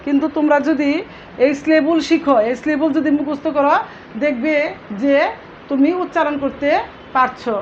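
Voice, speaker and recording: A woman's voice: sits high, fairly even intonation, normal speed, pauses often, a little mellow. A woman teaching an English pronunciation lesson, spelling out syllables letter by letter in a repetitive drill. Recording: dull lo-fi sound with faint noise.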